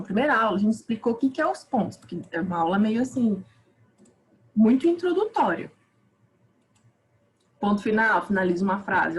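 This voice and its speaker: A woman teacher with a Brazilian Portuguese accent, giving a quick, informal grammar review with lots of self-interruptions. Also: mid-range voice, slight background noise, rough recording. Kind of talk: online grammar review lesson.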